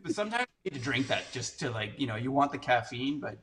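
A man in his forties from Canada talks in a loose, rambling way, stacking up fillers and starting sentences over. His pitch sits in the middle range for a man. It sounds like a relaxed conversation among friends. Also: fast, noisy background. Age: 40s. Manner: rambling, filler-heavy storytelling. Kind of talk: casual chat.

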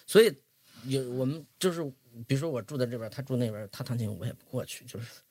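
A male guest telling memories of a friend in a halting, casual way. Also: mid-range voice, expressive, darkish tone, dry recording. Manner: halting, with many restarts. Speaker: guest, documentary maker. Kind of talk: casual recollection.

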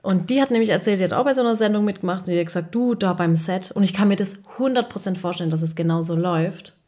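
A woman in relaxed conversation, passing on stories she has heard and readily agreeing with her partner. Her voice is of ordinary female pitch and sounds chatty and engaged. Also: fast. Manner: chatty, agreeing, relaying anecdotes. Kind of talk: casual chat.

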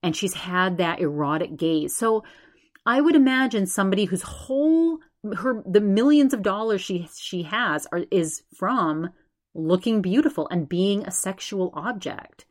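Unhurried and mid-range in pitch, a solo podcast host in her forties talks to her subscribers directly. Her delivery is animated, chatty, and given to rambling.

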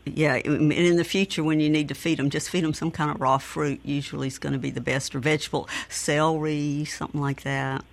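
A woman's voice: low voice, fairly even intonation, fairly quick, creaky, hardly any pauses. A woman giving casual expert advice on a radio phone-in, informal and thinking aloud as she goes. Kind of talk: casual advice on a call-in show.

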